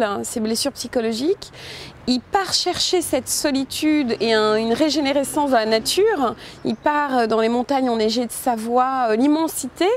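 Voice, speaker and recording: High-voiced woman director, hesitant and thoughtful. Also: darkish tone, a little hiss or hum. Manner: thoughtful, many hesitations and restarts; informal, addresses listener with "tu vois". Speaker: film director. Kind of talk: interview about her film.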